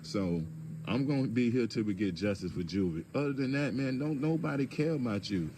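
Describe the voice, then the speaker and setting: A man speaking calmly but pointedly in direct-address video commentary, asking rhetorical questions, with features. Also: mid-range voice, brisk, a little hiss or hum. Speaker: commentator addressing a public figure.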